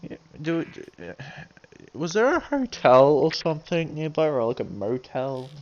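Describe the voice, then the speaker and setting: A man playing a tabletop game, talking casually and haltingly, on a dull, slightly noisy mic. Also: on the high side, very animated, a little mellow. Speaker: player.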